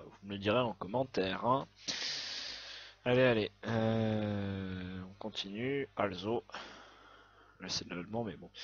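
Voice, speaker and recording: Man, low husky voice, excitable gaming commentary, frequent swearing, dull lo-fi mic. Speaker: gaming video host. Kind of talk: let's play commentary.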